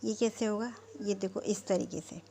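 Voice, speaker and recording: Woman teacher, mid-pitch voice, patient lesson delivery, checks in with the class often, faint background hiss. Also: steady tone, normal speed, dark tone. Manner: repeats "ठीक" and "है ना" to check understanding; spells words out letter by letter.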